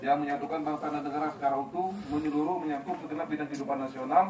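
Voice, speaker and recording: A man's voice: on the high side, steady tone, racing, a crowd in the background. A police officer in his forties gives a talk to a youth group, repeating key points and asking the young people questions. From Belitung, Indonesia. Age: 40s. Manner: repetitive, explaining, asks the audience questions. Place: outdoor sports field gathering. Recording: roomy, distant, noisy outdoor recording.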